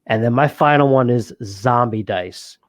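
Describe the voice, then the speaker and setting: A man's voice: mid-range voice, measured pace, dry recording. A man chatting loosely on a board game podcast, piling up fillers and laughing as he talks. His voice sits in the middle range and sounds dry and close, with no room around it. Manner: rambling, laughs often, many fillers. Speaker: podcast co-host. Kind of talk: casual chat.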